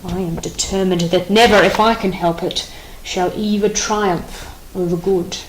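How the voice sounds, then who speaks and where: A woman's voice: mid-range voice, steady tone, measured pace, a little hiss or hum, lightly acted, rough recording. A woman reading the part of a stern, unbending male king in an audiobook play, grave and declamatory in manner.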